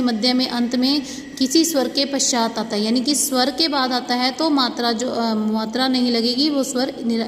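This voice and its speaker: A woman schoolteacher giving a grammar lesson to young children, explaining patiently and slowing down to spell out example words. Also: fairly high pitch, a little hiss or hum. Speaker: school teacher. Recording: echoey room with long reverb, faint ambience.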